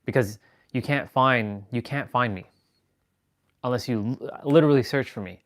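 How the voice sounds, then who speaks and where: A man's voice: mid-range voice, normal speed. A man hosting a live stream, talking in a rambling, self-assured spiritual monologue and restarting sentences as he goes.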